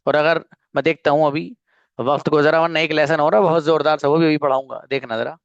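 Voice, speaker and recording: Male online English teacher, smooth clear voice, dry close sound, drills sentences slowly and calls on students. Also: on the high side, fairly even intonation, no room sound, lo-fi sound.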